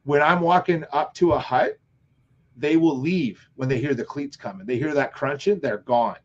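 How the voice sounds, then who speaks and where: A man on a live fishing show, telling long rambling stories with animated quoted asides. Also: fairly high pitch, normal speed, highs cut off. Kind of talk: casual chat on live show.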